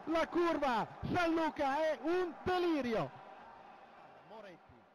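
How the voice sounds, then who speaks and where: High-pitched man shouting breathless goal commentary. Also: measured pace. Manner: breathless, shouted, emphatic delivery with short repeated phrases. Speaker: football commentator. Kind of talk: excited Italian goal commentary. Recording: loud stadium crowd noise behind broadcast commentary. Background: stadium crowd ambience.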